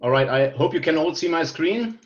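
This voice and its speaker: A man's voice: fairly high pitch, expressive, brisk, highs cut off. A man from Germany with a German accent, a non-native English speaker, giving a friendly, hesitant presentation full of fillers and restarts over a video call. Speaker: guest presenter.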